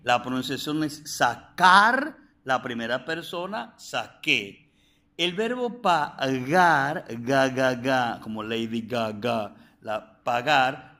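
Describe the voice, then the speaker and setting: A man teaching a recorded video lesson, slowly repeating and spelling out verb forms for his students. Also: on the high side, pushed and bright. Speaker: Spanish teacher.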